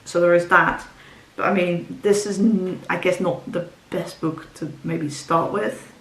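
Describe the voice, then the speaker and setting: A book vlogger who grew up speaking Dutch rambles on camera about books, with frequent ums and false starts. Her lowish voice is a bit bright, with fairly even intonation and an unhurried pace. The space sounds roomy and echoey, with faint ambience.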